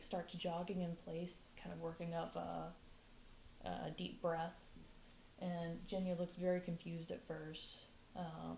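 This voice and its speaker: A woman narrating as game master of a tabletop game, relaxed, with frequent ums. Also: on the low side, gravelly, echoey room, a little hiss or hum, poor audio.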